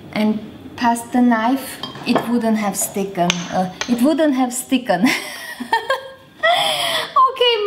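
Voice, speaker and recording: A woman in her thirties with an Armenian accent, hosting a casual cooking demonstration in chatty, self-correcting, halting English. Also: mid-range voice, darkish tone, a little hiss or hum. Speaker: cooking show host. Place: roomy home kitchen, indoors. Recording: echoey kitchen with background music.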